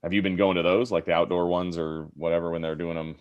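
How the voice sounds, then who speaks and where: A man's voice: sits low, little pitch movement, fast talker, muffled recording. A man co-hosting a podcast, chatting casually and teasing his friends, often restarting and trailing off. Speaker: podcast co-host. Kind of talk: casual chat.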